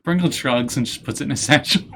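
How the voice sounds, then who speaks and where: A man's voice: mid-range voice, a bit bright, slight background noise. A man playing a tabletop game, casually improvising and narrating his character's actions. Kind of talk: casual improvised role-play.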